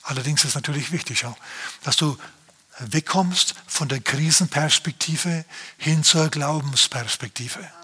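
Husky, bright-voiced pastor preaching. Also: male voice, on the high side, a little slow. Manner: earnest preaching, speaks straight to listeners. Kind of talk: sermon.

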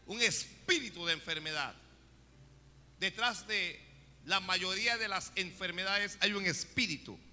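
A male preacher giving an animated sermon and talking straight to the congregation in an echoing church hall. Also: high voice, unhurried. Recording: echoey hall with faint music.

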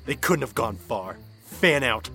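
Forceful, haggard vengeful doctor acted by a man. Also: medium pitch, animated, measured pace, creaky, soft background music, full character voice. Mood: commanding, obsessed. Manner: terse, commanding. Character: haggard, obsessed, vengeful doctor and demon hunter, male. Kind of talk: radio drama acting.

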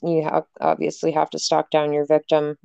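A woman's voice: deep voice, monotone, moderate pace, vocal fry, mellow, clear, resonant tone, no echo, lo-fi sound. A young woman hosting a casual podcast, frank and jokey, swearing freely as she talks. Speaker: podcast host.

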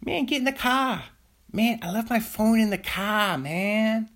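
A man putting on a brash young Boston bro with an exaggerated Boston accent, speaking loud and high and piling on slang like "bro" and "man". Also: measured pace. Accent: put-on Boston accent.

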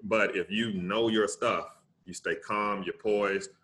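A middle-aged man with a Southern US accent, talking casually and emphatically as a motivational interview guest, often checking his points with a quick tag question. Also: lowish voice, steady tone, a bit bright. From Alabama, United States. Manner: emphatic, conversational, often tags points with "right?". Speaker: interview guest, public speaker.

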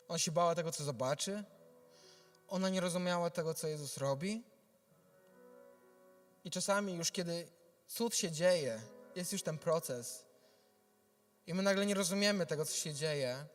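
A man preaching a sermon and reading scripture, speaking earnestly and directly to the listener, moving between soft, low passages and loud, impassioned ones. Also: normal speed, pauses often, faint music behind.

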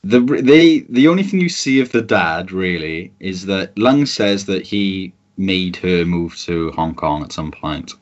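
A man's voice: low-pitched, expressive, a little slow, hardly any pauses. A man telling a playful, jokey story about a film scene in casual chat. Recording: dull lo-fi recording.

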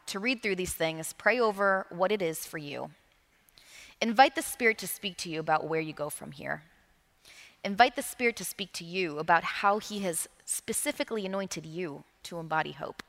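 A woman's voice: fairly low pitch, vocal fry, fairly bright tone. A woman preaching a sermon, earnest, repeating key phrases for emphasis. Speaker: pastor. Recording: long reverb of a large hall.

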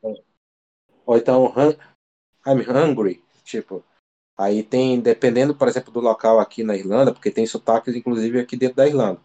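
A man's voice: mid-range voice, steady tone, fairly quick, dark tone, lo-fi sound. A man from Brazil in casual interview chat, telling a story in a slangy, rambling way full of fillers and restarts. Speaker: interview guest. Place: living abroad in Ireland.

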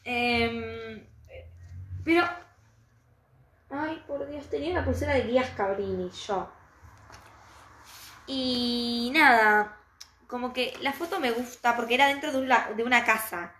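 A woman's voice: on the high side, measured pace, long pauses, a bit bright. A young woman with a Rioplatense Spanish accent, co-hosting a podcast in casual chat, chatty and self-deprecating. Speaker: podcast co-host. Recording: echoey room, faint noise.

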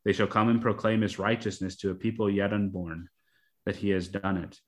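A man's voice: on the low side, little pitch movement, brisk. A man teaching on scripture in a casual, conversational way, full of "you know" and "right", then reading a long psalm aloud. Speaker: Bible teacher.

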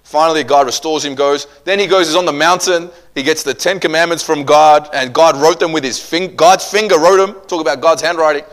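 A man preaching a sermon, animated and joking, swinging between loud bursts and quiet asides. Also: fairly high pitch, brisk, few pauses.

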